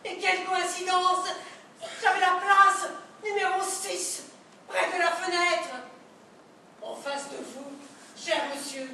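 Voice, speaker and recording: A prim, overly courteous wife, played by a woman in a live absurdist play, speaking in measured, ceremonious tones. Her voice is very high and bright and moves slowly. It is heard from far off on a reverberant stage. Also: fairly even intonation, a little hiss or hum, full character voice. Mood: prim politeness. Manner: formal, measured, ceremonious politeness. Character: prim, overly polite middle-class wife. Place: theatre stage. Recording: echoey stage sound from a distant mic.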